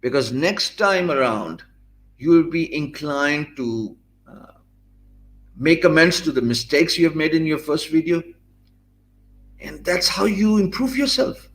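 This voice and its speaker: A lively, slightly high and somewhat bright male voice. He's a Pakistani online business coach, a non-native English speaker, delivering an earnest, measured talking-head video lesson from a small home office, full of "uh" fillers and restarts while he gestures with his hands. A stand mic sits close in front of him, with webcam framing.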